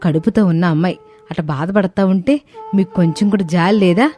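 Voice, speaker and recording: A woman's voice: fairly low pitch, a little fast, dark tone, faint music behind, natural voice. A woman voicing a caring, outspoken neighbor who speaks urgently and firmly in a storybook tale.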